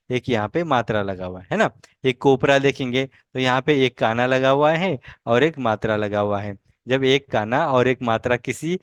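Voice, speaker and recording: A male language teacher leading a pronunciation lesson, repeating each word slowly several times and then explaining patiently. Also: mid-range voice, smooth, no room sound.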